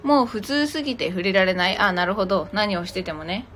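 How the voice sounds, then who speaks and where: This livestream host and tarot reader speaks at a medium pitch, expressive and a touch bright, moving a little quickly. She chats playfully with her commenters on a casual tarot stream, sliding from polite phrasing into teasing informality, with music running in the background.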